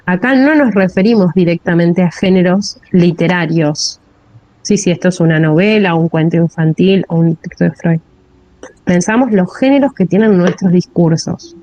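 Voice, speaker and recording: A woman's voice: lowish voice, normal speed, mellow, no echo, highs cut off. A woman with a Rioplatense Spanish accent giving a classroom lecture on linguistics, often checking in with a rising "¿sí?". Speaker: teacher.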